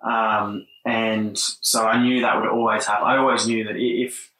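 A man's voice: on the low side, level tone, moderate pace, sharp tone, roomy sound, recorded from a distance, rough recording. A man, chatting hesitantly with many fillers and restarts on a podcast. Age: 20s. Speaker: podcast guest. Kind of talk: casual chat.

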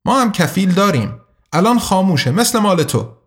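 A man doing a hushed secretive young woman. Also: sits high, big pitch swings, voice pushed up. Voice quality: hushed, muffled behind hand.

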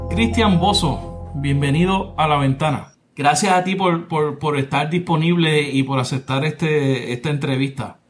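A man from Puerto Rico hosting a podcast, reading his intro and sign-up plugs in an announcer-like way. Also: fairly high pitch. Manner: announcer-like, lists platforms evenly. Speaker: podcast host.

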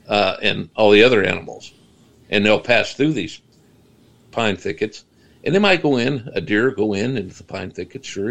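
Gravelly-voiced man explaining at length. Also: lowish voice, a bit bright. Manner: halting, repeats words, then explains at length. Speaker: guest Bigfoot researcher. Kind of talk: casual podcast interview.

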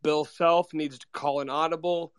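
An American man with a coarse, gravelly voice hoarse from a cold, giving grandly emphatic sports fan commentary as a caller in a live audio chat. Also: on the high side, fairly even intonation, moderate pace, dry recording, studio quality. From Kansas, United States. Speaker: guest caller, basketball fan.

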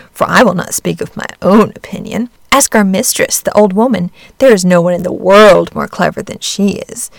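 A woman's voice: medium pitch, no echo, clean studio sound, close to an everyday voice. A woman voicing a bossy, self-important hen who scolds and lectures condescendingly. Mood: scornful.

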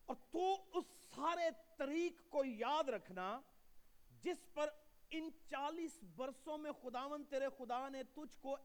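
High-voiced preaching pastor in a reverberant hall. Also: male voice. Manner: preaching with call-and-response to the congregation; mixes English phrases into his preaching. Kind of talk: sermon.

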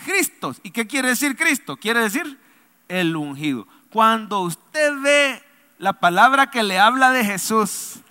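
A man preaching a sermon in a church, his voice high and strikingly bright. He calls on the congregation to answer him, then drops to soft asides between emphatic lines. The long reverb of a large hall trails after each phrase. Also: animated, a little slow, smooth. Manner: preaching with call-and-response to the congregation. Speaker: pastor. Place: church sanctuary.

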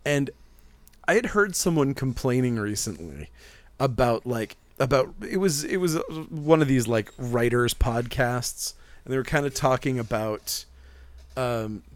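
A man's voice: mid-range voice, animated, measured pace, no echo. A man co-hosting a casual podcast, talking eagerly and rambling about comics and toys, often laughing. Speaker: podcast co-host, comic shop worker. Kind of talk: casual chat.

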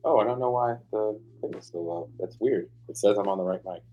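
A man's voice: on the low side, brisk, faint music behind. A man hosting a casual show, his voice coming through tinny and metallic like a tin can from the wrong mic, talking in an easygoing, offhand way. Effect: tinny metallic tin-can sound from the wrong mic. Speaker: podcast host. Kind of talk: casual chat.

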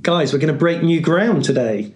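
A man's voice: on the high side, animated, moderate pace. A man hosting a podcast, introducing a listener's speech with a dry, wry manner. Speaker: podcast host. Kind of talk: casual chat.

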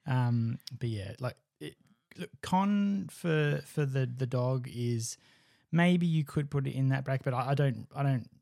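A man's voice: medium pitch, lively intonation, measured pace, creaky, a little mellow, dry recording, clean studio sound. A young man chatting casually as a podcast co-host, rambling with restarts. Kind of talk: casual chat.

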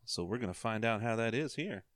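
A man as a guest on a casual online show, relaxed and musing aloud in chat with friends. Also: mid-range voice, brisk, no room sound.

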